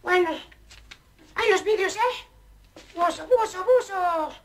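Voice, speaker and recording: A man's voice: extremely high pitch, takes it slowly, fairly bright tone, exaggerated voice. A man playing a whiny, sulky overgrown boy who whimpers and pouts through a vintage TV comedy sketch. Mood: whiny sulk. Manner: whimpering, sulky childish talk. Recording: noisy old TV broadcast audio.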